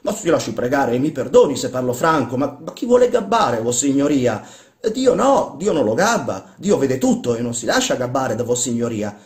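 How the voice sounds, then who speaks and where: A man's voice: medium pitch, very animated, very slow, a little mellow, voice pushed up. A man voicing a humble, flustered workman in a dramatic literary reading, stammering and pleading in a raised, anxious voice. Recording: roomy echo.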